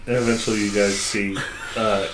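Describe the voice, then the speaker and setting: A man's voice: on the low side, little pitch movement, moderate pace. A man narrating as game master in a tabletop game, laughing often between lines. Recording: echoey room with faint noise.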